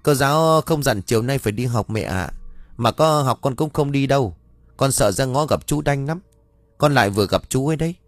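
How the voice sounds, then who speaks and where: A man's voice: mid-range voice, animated, a little fast, no room sound, voice pushed up, lightly acted. A man voicing a small, scared and innocent boy in an audio ghost story, speaking in a plaintive, childlike way. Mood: frightened.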